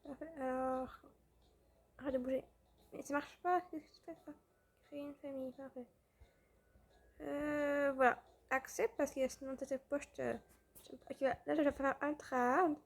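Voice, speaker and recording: A woman's voice: high voice, steady tone, normal speed, pauses often. A young woman, chatting casually over a game with fillers and restarts. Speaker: gaming video host. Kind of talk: casual gameplay commentary.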